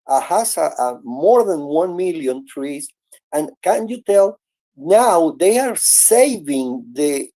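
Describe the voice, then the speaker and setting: Man, sixties, live-stream host; pitched a little high, mellow and warm; earnest and encouraging. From Venezuela. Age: 60s. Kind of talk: casual chat on a live audio stream.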